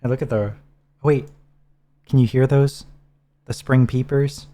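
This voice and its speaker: A man's voice: mid-range voice, unhurried. A man co-hosting a game stream, casually walking a teammate through menus and gear. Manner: relaxed, instructive, talks teammate through menus. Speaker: streamer co-host. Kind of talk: casual gameplay chat.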